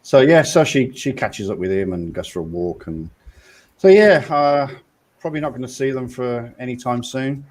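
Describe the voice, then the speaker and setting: A man's voice: mid-range voice, expressive, moderate pace, a little mellow. A man hosting a casual after-show chat, rambling and hesitant, with many fillers and restarts. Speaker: host.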